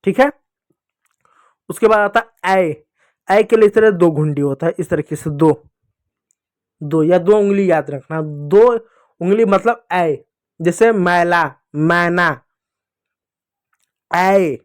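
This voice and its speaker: A man teaching a children's reading lesson, drawing out sounds slowly and asking and answering his own questions. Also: sits high, no echo, clean studio sound.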